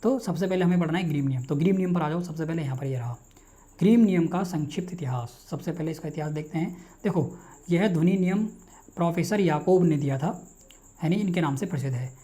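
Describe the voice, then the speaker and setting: A man teaching linguistics in a quick, repetitive lecture style, asking and answering his own questions. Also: on the high side, mellow. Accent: Hindi. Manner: rapid, repetitive, quizzes himself aloud. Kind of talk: online exam-prep lecture.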